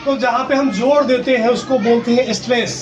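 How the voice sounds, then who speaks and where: Over music, a man with a very high, fairly even voice speaks briskly as he teaches grammar in a school classroom. He takes each step in turn, answers his own questions, and spells out words one letter at a time. The classroom recording is distant, and background noise is clearly audible.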